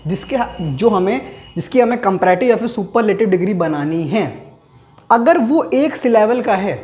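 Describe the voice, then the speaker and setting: A man teaching grammar in an online lesson, who asks rhetorical questions and then answers them himself, repeating key terms slowly for emphasis. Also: sits high, darkish tone.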